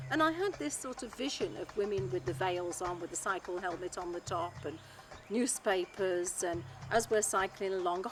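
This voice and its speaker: An Englishwoman recounting in a documentary interview how she organised an event, acting out other people's words with lively energy. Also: mid-range voice. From England. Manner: animated, acts out quoted speech.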